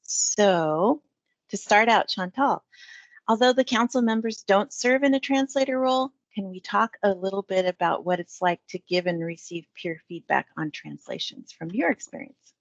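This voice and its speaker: A woman host introducing a guest and asking questions in a measured, explanatory way. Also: medium pitch, no room sound, muffled recording. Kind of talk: moderating a panel discussion.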